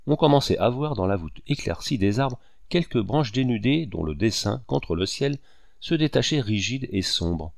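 A man narrating a novel in a measured, expressive literary reading. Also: medium pitch, gravelly, dry recording, clean studio sound. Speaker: audiobook narrator.

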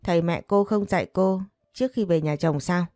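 A woman's voice: lowish voice, normal speed, a little mellow, dry recording, clean studio sound, soft background music, close to an everyday voice. A woman voicing a moody, domineering young husband in an audio story, giving harsh, scolding commands.

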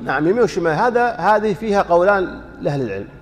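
Male teacher, fast explanatory delivery that poses and answers its own questions, reverberant hall recording. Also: sits high, lively intonation, a little hiss or hum. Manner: explanatory, quizzing listeners with rhetorical questions; chants sample calls to prayer to demonstrate. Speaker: sheikh teaching a fiqh lesson. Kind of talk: classroom lesson explaining a text.

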